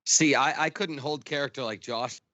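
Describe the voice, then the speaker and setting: Give me a man on a comedy podcast who teases his friends and jokes constantly. He has a bright, sharp voice, and the sound is dry and close. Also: medium pitch, no echo. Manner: teasing, quick to joke and laugh. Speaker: podcast co-host. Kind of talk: casual comedic chat.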